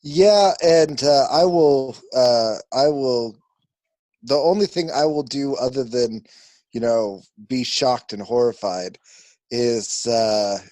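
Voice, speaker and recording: A man taking his turn in an online tabletop game, easygoing with a wry edge. He talks at an unhurried pace, at an ordinary middle pitch. His voice sounds close and dry. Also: darkish tone, no room sound. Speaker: player. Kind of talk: casual tabletop play. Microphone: online voice call.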